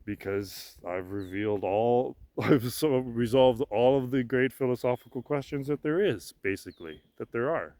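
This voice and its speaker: Walking through woodland beside a pond, a vlogger rambles about his personal philosophy, cocky and sure of himself, though he halts, repeats phrases, trails off and swears casually as he muses. His voice is mid-range and mellow, and the recording is dry.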